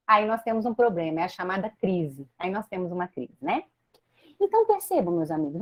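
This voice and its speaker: Lively Brazilian woman giving a talk. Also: mid-range voice. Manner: lively, asks the audience many rhetorical questions, tags "né?". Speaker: speaker at a Spiritist meeting. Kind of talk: teaching talk to an audience.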